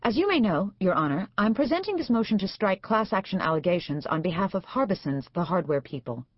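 A woman's voice: medium pitch, big pitch swings, a little fast, slightly rough, no room sound, voice pushed up. A woman voicing an eager, nervous young female lawyer in an audiobook, with a dull, dry studio sound.

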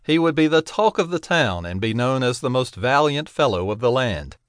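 A man narrating a children's audiobook in a gentle, expressive storytelling manner. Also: mid-range voice, normal speed, dry recording, clean studio sound.

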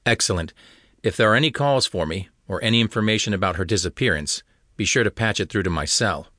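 A steady, composed police captain, voiced by a male narrator gives orders in a calm, low voice. He sounds firmly in charge and unhurried. The recording is close and dry. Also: dry recording.

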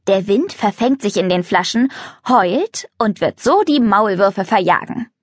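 A woman's voice: mid-range voice, lively intonation, measured pace, no room sound, clean studio sound. A woman voicing a friendly, upbeat teenage boy in a children's storybook reading. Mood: helpful. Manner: upbeat, encouraging.

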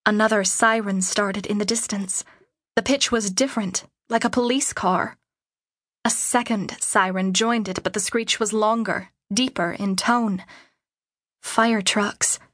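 A woman reading a first-person young adult novel in measured storytelling narration on a studio mic. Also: medium pitch, steady tone, a bit bright, no room sound. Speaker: audiobook narrator.

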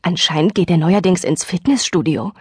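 A woman's voice: fairly low pitch, normal speed, darkish tone, slightly rough, no room sound, studio quality. A woman playing a gossipy teenage girl. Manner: chatty and teasing. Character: gossipy, teasing teenage girl best friend. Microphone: dry studio microphone.

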